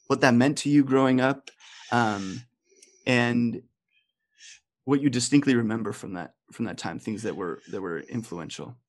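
A man's voice: mid-range voice, moderate pace. A man hosting a podcast, talking casually and conversationally with his guest. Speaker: podcast host.

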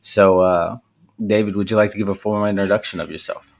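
Low-voiced American man hosting casually. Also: steady tone, fast talker, gravelly. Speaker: podcast host. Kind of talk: casual chat.

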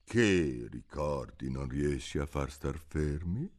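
A man voicing a stern, curt pipe-smoking caterpillar in a storybook reading, with a low, slow and curt delivery. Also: expressive, a little mellow, exaggerated voice.

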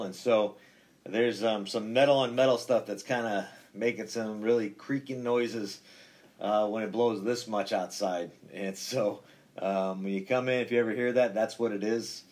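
A man with a low voice speaks as a pastor in an informal podcast talk. He is conversational and halting, circling back to repeat phrases as he shares his faith. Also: a little mellow. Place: indoors, inside a metal church building.

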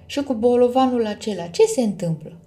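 A woman's voice: a little high, lively intonation, dark tone, voice pushed up, lightly acted. A woman voicing a small, fussy male dragon who is plaintive and easily offended, in a storybook reading. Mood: worried.

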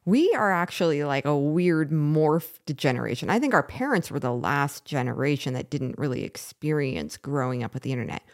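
A woman around forty with a low voice, co-hosting a relaxed podcast conversation. She is playful and quick to tease her co-host. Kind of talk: casual chat.

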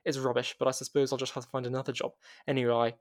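A weary young woman, a former librarian turned investigator, who sounds tired and subdued, as a man reads her in a storybook. Her lines stay near his plain speaking voice, only slightly lifted, with a quiet, deflated evenness. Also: medium pitch, flat delivery, fast talker, natural voice.

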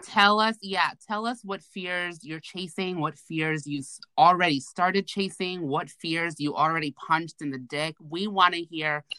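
A woman hosting a casual podcast, talking in an animated, slangy, profane way, recorded remotely from a bathroom. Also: fairly low pitch, a little slow, hardly any pauses, no room sound, low-quality recording. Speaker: podcast host. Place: bathroom, at home.

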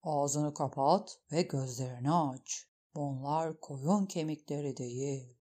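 A woman playing a quiet, grave old knight. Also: deep voice, fairly even intonation, slow, pitched below the performer's own voice. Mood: stern. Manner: quiet and stern. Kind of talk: audiobook reading.

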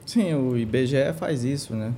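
Man explaining grammar on a panel, patient, warm mellow voice, faint hum behind. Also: medium pitch, moderate pace. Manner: patient, explanatory, many tag questions. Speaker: language teacher guest.

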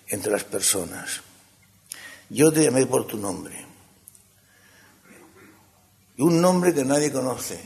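A man preaching a sermon. He swings between emphatic rises and hushed, soft passages. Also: mid-range voice, creaky.

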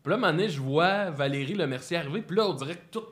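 A man's voice: a little high, animated, quick pace, fairly bright tone, breathy edge. A man with a Québécois accent, a guest telling a long rambling anecdote on a chat show.

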